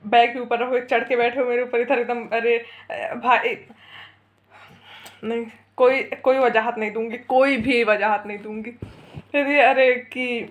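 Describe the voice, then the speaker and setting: A young woman vlogger telling a heated personal story in a casual, rambling way, mixing English phrases into her talk and laughing often. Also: sits high. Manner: chatty, rambling, mixes English into Hindi.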